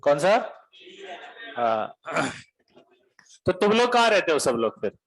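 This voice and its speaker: A man's voice: fairly high pitch, big pitch swings, takes it slowly, dry recording, rough recording. A man teaching a coaching class, teasing his students in a chatty lecture.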